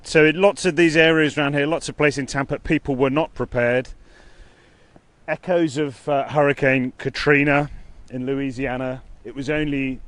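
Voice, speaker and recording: A man giving an earnest, halting, unscripted live news report outdoors in a storm, speaking into a phone. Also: mid-range voice, fairly even intonation, fairly bright tone, no room sound. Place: outdoors near a hotel in a storm. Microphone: phone held by the speaker. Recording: noisy outdoor wind and rain. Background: storm ambience.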